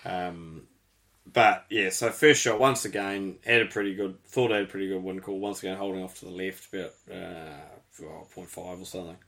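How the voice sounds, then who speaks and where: A man's voice: deep voice, steady tone, moderate pace, vocal fry, fairly bright tone. A man chatting casually as host, rambling through technical details and swearing now and then. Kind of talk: casual chat.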